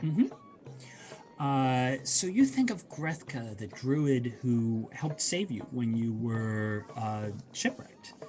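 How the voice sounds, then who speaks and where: A man narrating a tabletop game as game master, soft-spoken and hesitant, with many fillers. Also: medium pitch, lively intonation, slow pace.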